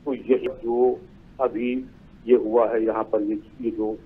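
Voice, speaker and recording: A man's voice: on the low side, flat delivery, takes it slowly, husky. A man calling in by phone to a live news show, talking emphatically and rhetorically as a guest commentator. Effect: heard over a phone line. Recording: tinny phone line with faint noise.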